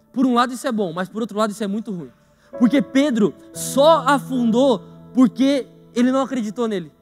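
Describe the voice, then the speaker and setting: A young adult man with a Brazilian Portuguese accent, preaching a lively sermon in church and often putting questions to the congregation. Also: sits high. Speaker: pastor. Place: church hall.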